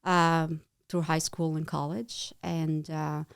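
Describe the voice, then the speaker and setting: A middle-aged woman from France with a French accent, speaking as a guest in a casual interview, halting with many restarts. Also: low-pitched, level tone, creaky, clean tone, no echo, clean studio sound. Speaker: guest, chief marketing officer.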